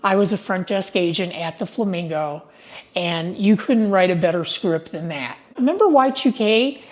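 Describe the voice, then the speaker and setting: Her voice is mid-range and a touch mellow as this older retired woman talks casually to viewers from her house. She stays upbeat and tends to digress throughout the vlog.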